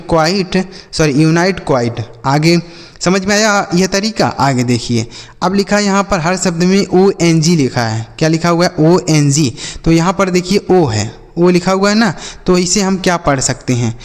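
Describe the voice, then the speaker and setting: A man leads a phonics lesson with a voice pitched a little high. He drills his listeners call-and-response style, asking and answering each question himself and calling them brother and children. His voice rings out with a long echo, as if he were speaking in a large hall. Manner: addresses viewers as "my brother" and "children". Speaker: English phonics teacher.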